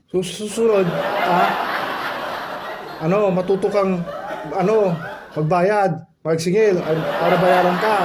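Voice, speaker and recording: A man performing a comic sketch, bickering in an exasperated, mocking way. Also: sits high. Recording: loud crowd and noise behind. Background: loud crowd laughter.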